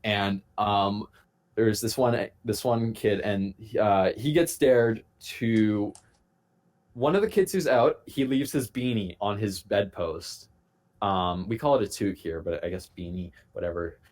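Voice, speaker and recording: A man on a casual podcast, telling a long profane story in a rambling, animated way. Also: on the low side, unhurried. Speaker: podcast host.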